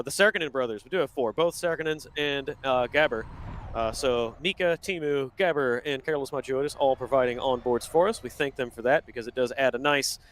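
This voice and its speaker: A medium-pitched man works as a sim racing commentator, calling laps with steady play-by-play. He frequently corrects himself as he goes.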